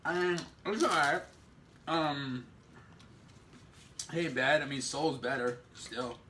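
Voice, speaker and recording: A man's voice: medium pitch, slow, bright, forceful tone, a little hiss or hum. A young man in a casual food review chat, laid-back and hesitant, talking while chewing food.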